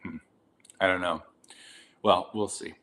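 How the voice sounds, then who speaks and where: A man's voice: low-pitched, fairly even intonation, measured pace, a bit bright. A tired, jet-lagged middle-aged man chatting casually to camera about his vinyl purchases, rambling with many ums and restarts.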